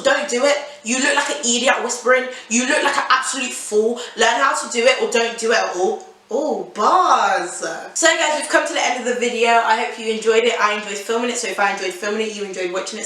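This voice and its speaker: A young woman vlogger telling a casual storytime, animated and exasperated, full of slang. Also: on the high side, fast talker. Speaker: YouTuber. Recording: very echoey room, voice from a distance.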